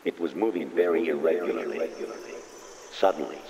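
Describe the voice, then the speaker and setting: Very deep-voiced earnest male witness. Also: fairly even intonation, normal speed. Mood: earnest, uneasy. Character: earnest male witness recounting a strange sighting. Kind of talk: first-person dramatic account. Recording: clear noise with clicks behind.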